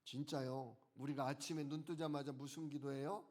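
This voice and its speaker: A male pastor preaching a sermon, who asks the congregation questions and answers them himself, and slows down to stress key words. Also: mid-range voice, fairly even intonation, a little mellow.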